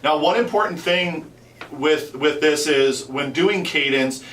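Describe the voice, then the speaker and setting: Echoey, higher-pitched man giving informal instruction. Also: unhurried, fairly bright tone, slight background noise. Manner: informal, repeats and rephrases himself. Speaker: host and instructor. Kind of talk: conversational instructional talk. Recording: roomy echo, distant from the mic.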